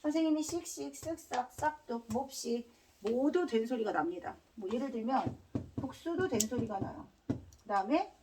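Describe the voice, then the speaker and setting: A woman's voice: fairly high pitch, animated, moderate pace, far from the mic, noisy background. A woman teaching a Korean grammar lesson, drilling students with repeated questions and slipping in casual slang. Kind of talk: classroom lecture.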